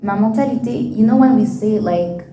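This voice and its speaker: A woman's voice: fairly high pitch, moderate pace, dark tone. A woman hosting a casual faith-based conversation, frank and opinionated, slipping English phrases into her talk. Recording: echoey room with faint music.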